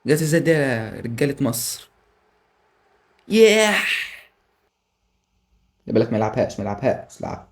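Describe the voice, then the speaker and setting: A man with an Egyptian Arabic accent doing excitable live commentary over a football video game, yelling at the players and joking with viewers. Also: medium pitch, moderate pace, long pauses. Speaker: gaming YouTuber.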